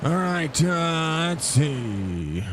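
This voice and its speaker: A man's voice: fairly high pitch, very animated, extremely slow. A man giving casual, chatty live sim racing commentary, addressing viewers and drivers directly, his mouth barely opening after facial surgery. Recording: clear background engine noise. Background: race car engine noise.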